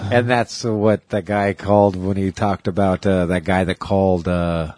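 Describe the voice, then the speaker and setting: A man's voice: sits low, flat delivery, unhurried, a little mellow, no room sound. A man hosting a podcast, chatting casually in a loose, rambling way with some swearing. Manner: loose, profane, rambling banter. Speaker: podcast host. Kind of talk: casual chat.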